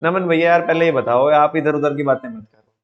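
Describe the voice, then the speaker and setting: A cheeky, impatient teenage student , as a male teacher puts him on, grumbles that the lessons are too easy. The voice sits a little high and the recording is dull and lo-fi. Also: brisk, close to an everyday voice. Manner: cheeky, complaining. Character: impatient teenage student demanding harder material. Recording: dull lo-fi sound.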